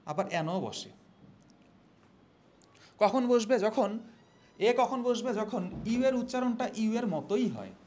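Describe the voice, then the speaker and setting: A young man teaching an English grammar lesson casually, asking his students questions and answering them himself. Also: high-pitched. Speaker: exam-prep English teacher. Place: classroom or studio, indoors. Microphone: phone or mic held near the mouth.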